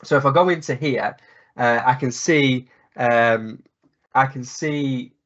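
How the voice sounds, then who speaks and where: A croaky-voiced man presenting a live technical webinar, explaining at length with many fillers and restarts. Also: mid-range voice, takes it slowly, fairly bright tone. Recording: dull lo-fi webinar audio.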